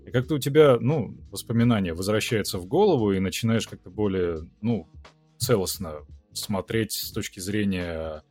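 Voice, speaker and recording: A low-pitched man chats as a guest on a podcast. He is a dubbing actor and talks in a thoughtful, halting way, letting his sentences fade out quietly. Soft music sits faintly in the background. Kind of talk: casual podcast chat.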